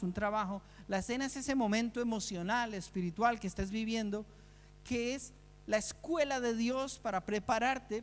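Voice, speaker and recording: High-voiced pastor preaching in a reverberant hall. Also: male voice. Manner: emphatic, asks the congregation rhetorical questions; repeats key phrases for stress. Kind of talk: sermon. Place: church sanctuary.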